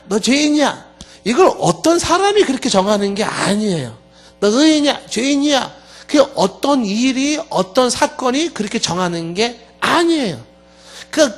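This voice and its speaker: A male pastor preaching a Wednesday sermon, animated and joking, acting out little scenes. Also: high-pitched. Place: church sanctuary.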